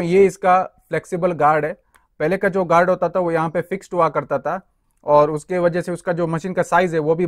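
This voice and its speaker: In this hands-on walkthrough, a young man who reviews tools explains a power tool one part at a time, addressing viewers as friends. He has a somewhat high voice with steady pitch, captured in a close, dry sound with no room echo.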